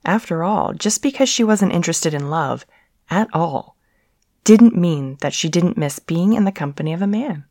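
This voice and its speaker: A woman hosting her own podcast, reading a romance short story aloud in a measured, deliberate way with playful emphasis. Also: fairly low pitch, a little mellow, no room sound, clean studio sound. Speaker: podcast host and story narrator. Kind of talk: scripted romance story narration.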